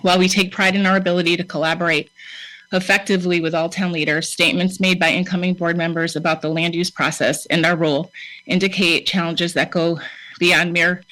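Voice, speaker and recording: A town board official reading a formal letter aloud at a town meeting in a steady, formal way, with a few small stumbles. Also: mid-range voice, rough recording. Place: town hall meeting room.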